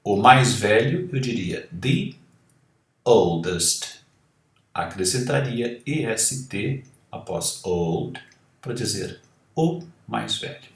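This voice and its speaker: A man with a Brazilian Portuguese accent giving an online English lesson, explaining words slowly and spelling out letters. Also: lowish voice, very animated, reverberant, far from the mic. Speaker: English teacher.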